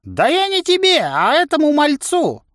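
A man voicing a grumpy old four-armed male spear trainer who talks in a gruff, scolding way. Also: very high voice, wildly swooping pitch, moderate pace, fairly bright tone, no echo, studio quality, voice pushed up, full character voice.

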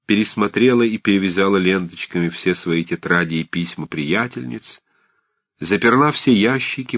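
A man narrating a classic novel for an audiobook in a measured, expressive storytelling manner. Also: on the low side, dry recording.

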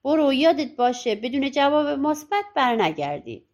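A woman's voice: high-pitched, sing-song, a little mellow, dull audio. Woman voicing a confident young son. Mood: reassuring.

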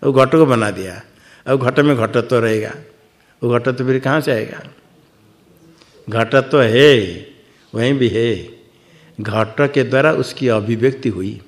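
This Vedanta teacher lectures on scripture in a slow, medium-pitched voice broken by long pauses. He asks his own questions, supplies the answers, and leans on repetition for emphasis.

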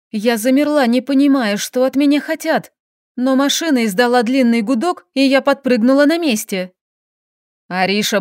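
Woman narrating a story, steady and measured. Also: high-pitched, dry recording, clean studio sound. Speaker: audiobook narrator. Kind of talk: first-person audiobook narration.

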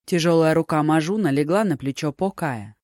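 An audiobook narrator reading a story with a steady, even delivery. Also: mid-range voice, moderate pace, dry recording, clean studio sound. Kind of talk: scripted narration.

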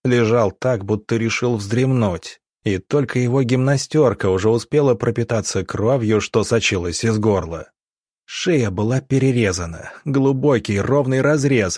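A man narrating a story in steady, even audiobook style. His voice sits low and the recording is close and dry, with no room sound. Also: dry recording.

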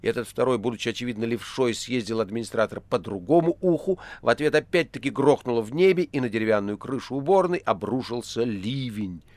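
A man narrating an audiobook in an expressive reading voice. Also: mid-range voice, a little fast, hardly any pauses, dry recording. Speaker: audiobook reader. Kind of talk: literary narration.

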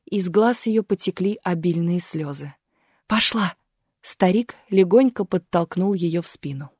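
A woman's voice: medium pitch, dark tone, dry recording. Woman reading an audiobook, dry sound. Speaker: narrator. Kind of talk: audiobook narration.

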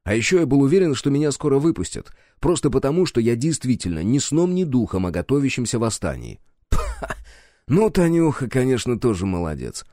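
A man's voice: mid-range voice, very animated, a little fast, hardly any pauses, warm tone, no echo, clean studio sound. A man narrating a first-person audiobook in a wry, sardonic storytelling manner.

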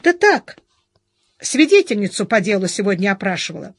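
A woman's voice: medium pitch, very animated, normal speed, slightly rough, no echo. A woman voicing a young wife who is hurt but joking playfully with her husband, in an audiobook. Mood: teasing. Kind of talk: audiobook character reading.

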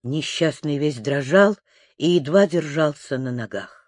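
A narrator reading a historical tale in a dramatic, measured way. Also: medium pitch, animated, dry recording, studio quality.

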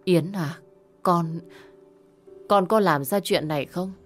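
A woman's voice: lowish voice, slow pace, faint music behind. Woman as a doubting older mother. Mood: doubtful.

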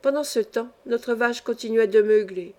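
A woman audiobook reader narrating a classic novel in a measured, expressive storytelling manner. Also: fairly high pitch.

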